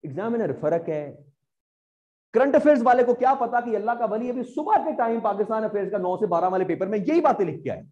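A man's voice: high voice, lively intonation, fairly quick, warm tone, dull audio. A man with a Pakistani Urdu accent lecturing exam students as a teacher, asking rhetorical questions and often checking whether they follow.

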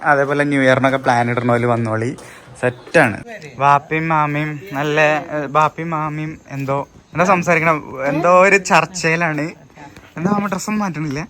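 A man's voice: on the high side, steady tone, moderate pace, fairly bright tone. A man chatting casually on a family resort vlog. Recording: crowd chatter behind.

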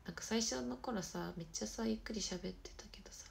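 A young woman chatting on a casual livestream, reading viewer comments at a quick clip. Her voice has a slight gravelly fry, and a faint ambient hum sits underneath. She is bubbly and often slips into a soft murmur. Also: medium pitch. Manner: fast-talking. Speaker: idol livestream host.

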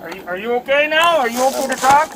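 A man's voice: extremely high pitch, animated, fast. A male police officer informally explaining each step to a detainee and checking that he agrees. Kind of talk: instructing and questioning a detainee. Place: aircraft cabin, body-worn camera. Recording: noisy aircraft cabin body-camera audio.

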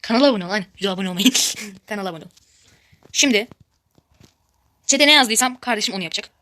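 A woman giving casual gameplay commentary as a YouTuber, excitable and shrieking when frustrated. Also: mid-range voice, very fast. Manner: excitable, repeatedly addresses viewers as friends. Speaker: gaming YouTuber.

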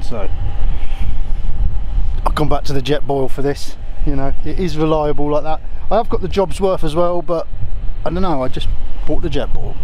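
Chatty hiker man on a windy summit. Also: on the high side. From England. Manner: chatty, down-to-earth, slightly out of breath on the climb. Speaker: hiking vlogger. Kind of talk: casual chat to camera while hiking. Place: outdoors on a windy rocky mountain summit. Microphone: handheld camera at arm's length.

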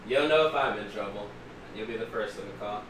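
A young man streaming a zombie game, loud and profane, shouting at the game as he plays. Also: on the low side, brisk. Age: young adult. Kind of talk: live gameplay commentary. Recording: echoey room, faint hiss.

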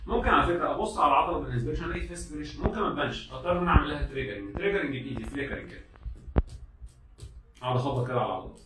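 Rapid-fire Egyptian man lecturing. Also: medium pitch, distant mic, background noise. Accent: Egyptian Arabic. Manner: repetitive, drilling students, acts out exam steps. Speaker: medical lecturer. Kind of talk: classroom lecture. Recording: echoey room, speaker off-mic.

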